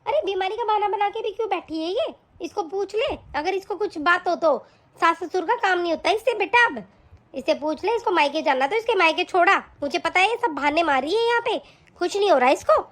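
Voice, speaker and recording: A woman voicing a shrill scolding mother-in-law. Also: animated, fairly quick, a bit bright. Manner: harsh scolding, taunting. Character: nagging, scornful middle-aged mother-in-law. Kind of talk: cartoon voice acting.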